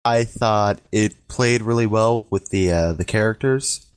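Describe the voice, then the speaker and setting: A man on a podcast panel, speaking hesitantly with many ums and deadpan jokes. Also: on the low side, unhurried, smooth. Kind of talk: casual podcast discussion.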